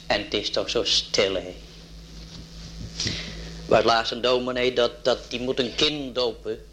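A man's voice: medium pitch, a bit bright, a little hiss or hum. A man preaching an emotional sermon, drawn out and rising into fervent exclamations.

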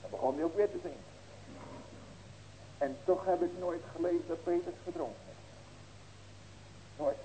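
A male pastor preaches with a somewhat high but dark, mellow voice. He asks rhetorical questions and now and then breaks into loud, raised cries. A faint hum runs under this old sermon recording. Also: moderate pace, pauses often, rough recording.

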